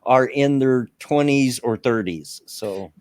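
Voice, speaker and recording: A man in his fifties hosts a casual livestream from home, rambling as he reads viewers' messages aloud. His voice sits at an ordinary middle pitch, and the recording is dry, with no room sound. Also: slow, a little mellow, no echo. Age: 50s. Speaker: stream host. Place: home, on a laptop camera.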